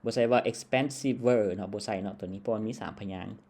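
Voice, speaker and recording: A man's voice: lowish voice, fairly quick, darkish tone. A man from Laos teaching English grammar in a patient lesson style, checking in with a short tag word after nearly every phrase.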